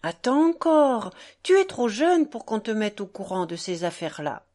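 A woman voicing a gentle, pious old grandmother with a sing-song, soothing way of talking. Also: mid-range voice, big pitch swings, normal speed, lightly acted. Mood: firm.

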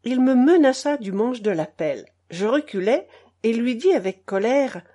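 A woman reading a novel aloud as an audiobook narrator, measured and expressive. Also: a little high.

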